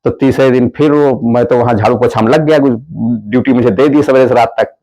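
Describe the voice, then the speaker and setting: A man recounting his own story in a relaxed, rambling way, acting out the lines of the people in it. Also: mid-range voice, fairly quick. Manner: acts out quoted dialogue in the story; plain, rambling spoken Hindi with restarts. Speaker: guest telling his life story. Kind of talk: conversational storytelling.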